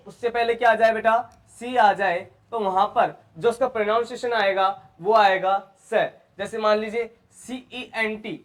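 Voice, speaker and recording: A man teaching English pronunciation in who keeps asking his students questions and repeating each answer. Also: high-pitched. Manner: asks and repeats questions, calls students "beta". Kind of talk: classroom lesson.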